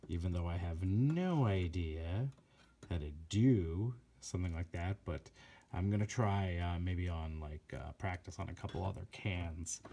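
A man talking through his collection in a casual vlog, slow and unhurried, with a voice that sits a little low. He halts often and corrects himself, while gushing with admiration over each piece. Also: mellow. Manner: halting, many fillers and self-corrections.

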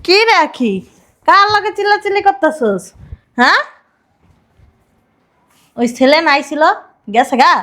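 An actress playing a sharp-tongued middle-aged stepmother who scolds sarcastically. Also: sits high, animated. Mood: scolding. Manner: scolding, sarcastic, rapid retorts.

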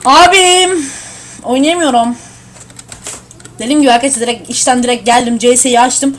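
A young woman giving casual gameplay commentary at her home computer, excitable and swearing at the game. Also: on the high side, brisk, a little hiss or hum. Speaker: gamer streaming a shooter.

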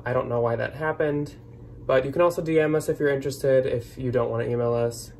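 A man's voice: mid-range voice, steady tone, fast, gravelly, a little mellow, a little hiss or hum. Young American man hosting a casual vlog. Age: 20s. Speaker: host. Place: small plain room indoors.

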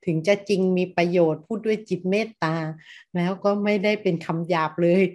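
A woman's voice: on the low side, steady tone, fairly quick, darkish tone. A middle-aged woman giving a university lecture, who asks her students questions and acts out different tones of voice as examples.

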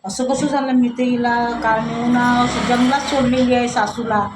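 A woman's voice: fairly high pitch, fairly even intonation, moderate pace, over loud music, natural voice. A woman voicing a scheming young daughter-in-law who turns agitated and fretful when her plan goes wrong. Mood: alarmed. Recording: echoey room.

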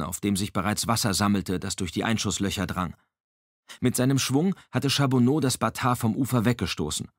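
A man reading an audiobook in a measured, dramatic storytelling manner on a close microphone. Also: lowish voice, no echo. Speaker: audiobook narrator. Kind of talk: scripted audiobook narration.

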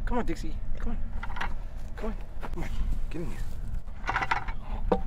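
An American man in his thirties chats casually for his vlog while tending animals in a farm paddock, holding the camera at arm's length. His voice is a little high and sing-song, his pace slow, and heavy background noise surrounds him.

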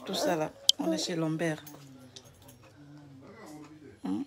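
A woman's voice: lowish voice, very animated, slow, creaky. A woman, casually vlogging while she picks up a gift at a money transfer agency and soothes a crying child. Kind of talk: casual self-filmed vlog. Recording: crowd chatter behind.

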